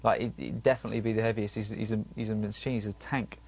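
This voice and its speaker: A man's voice: lowish voice, little pitch movement, fast talker, vocal fry, darkish tone. A man who trains boxers, a guest on a radio show, talking chattily with lots of fillers and repeated words. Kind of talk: radio interview.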